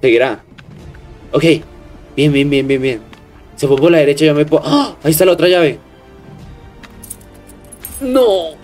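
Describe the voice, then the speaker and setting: A young man with a Colombian accent, commenting on a horror game he plays, jumping at scares, swearing and hushing himself. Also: on the high side, fairly quick, pauses often, soft background music. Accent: Colombian Spanish. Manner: jumpy, yelps and swears at scares, hushes himself. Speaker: gaming streamer.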